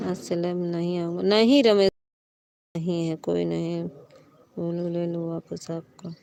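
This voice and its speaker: A woman's voice: fairly low pitch, little pitch movement, takes it slowly, creaky, dark tone. Pleading woman live streamer. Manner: pleading, repeatedly reassuring and scolding commenters. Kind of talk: live chat with viewers.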